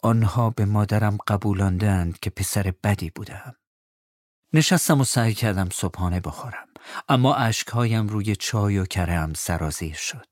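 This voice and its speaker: A man narrating a storybook in a calm, measured way. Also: lowish voice, dry recording, clean studio sound. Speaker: audiobook narrator.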